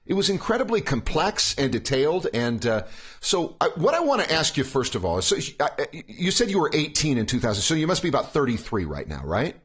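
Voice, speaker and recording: A male podcast host reads out the guest's introduction and then asks his questions in a rambling, hedging way. His voice is husky and breathy, and his pitch moves around a lot. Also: very animated, fairly quick, a bit bright. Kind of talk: casual interview questions.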